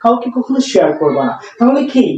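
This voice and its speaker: Teacher with an animated voice in an echoey room. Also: medium pitch, highs cut off. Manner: explains slowly, repeating words. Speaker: English teacher. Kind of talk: spoken English lesson. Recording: echoey room, far from mic.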